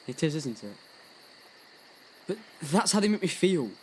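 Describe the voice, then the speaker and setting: A man's voice: fairly high pitch, sing-song, a little slow, a little mellow, a little hiss or hum. Young man as blunt, brooding boy Bill. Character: brooding brave teenage boy. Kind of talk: youth theatre audio play.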